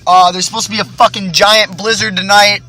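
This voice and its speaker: High, bright-voiced man rambling a story. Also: level tone, fairly quick, soft background music. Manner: profane, rambling, boastful. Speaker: vlogger. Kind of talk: casual storytelling monologue.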